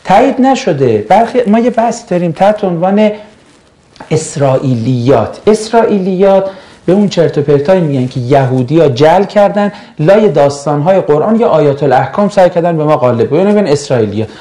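Sarcastic, warm-voiced man from Mashhad. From Mashhad, Iran. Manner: animated and sarcastic, pitch jumping up and down. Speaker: religious teacher answering viewer questions. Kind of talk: live question-and-answer chat.

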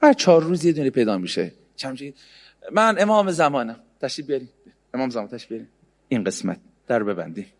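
A man giving a humorous sermon, sarcastic, swinging between loud and hushed delivery. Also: mid-range voice, lively intonation, in a large hall. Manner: sarcastic, mimics others in mocking voices. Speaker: religious speaker.

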